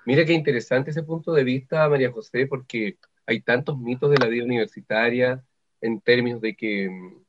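A man presents a university radio interview in a chatty, upbeat way. His voice sits at an ordinary pitch for a man. The recording is a little dull and lo-fi. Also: brisk, noisy background. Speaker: radio host. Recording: slightly dull lo-fi sound.

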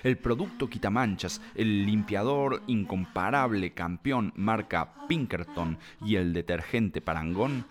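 A man's voice: fairly low pitch, a little slow, few pauses, close to an everyday voice. A man doing a brash, scoffing young man. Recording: music playing underneath.

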